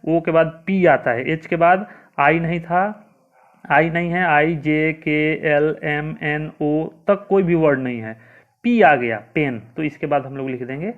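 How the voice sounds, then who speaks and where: Slow-talking male teacher, tinny sound. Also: a little high. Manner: patient, repeats questions to the class and answers them himself; spells words out letter by letter. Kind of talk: spoken grammar lesson for young pupils. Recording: tinny phone-like audio.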